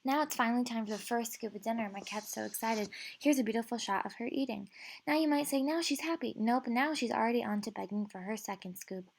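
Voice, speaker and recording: A woman's voice: on the high side, fast, creaky. Playful young woman narrating a comedic vlog. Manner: playful, mock-serious storytelling. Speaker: vlogger. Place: home.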